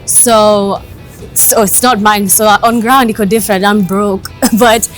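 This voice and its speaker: A young woman from Kenya talking candidly in a casual vlog, chatty and quick to laugh, recorded outdoors high up on a building. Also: fairly even intonation, faint music behind. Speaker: vlogger and radio host.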